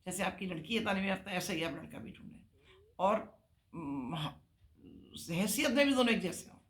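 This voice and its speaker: A woman's voice: on the low side, expressive, moderate pace. An older woman giving earnest, emphatic marriage advice on a talk show.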